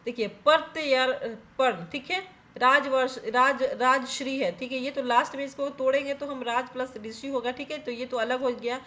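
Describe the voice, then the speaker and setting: High-voiced woman teaching exam grammar. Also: steady tone, normal speed, fairly bright tone. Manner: explains step by step, often asks and answers her own questions; repeats "theek hai" to check in with viewers. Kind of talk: exam-prep grammar lesson.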